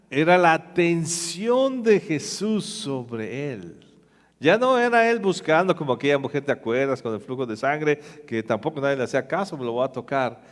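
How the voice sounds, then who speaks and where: A man preaching a sermon, retelling a scripture story in a lively, storytelling way. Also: fairly high pitch, in a large hall. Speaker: pastor.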